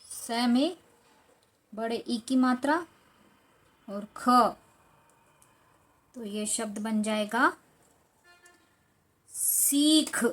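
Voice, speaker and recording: A young adult woman teaching children, slowly spelling words out syllable by syllable in a patient tone. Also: a little high. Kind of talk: slow, patient lesson for children.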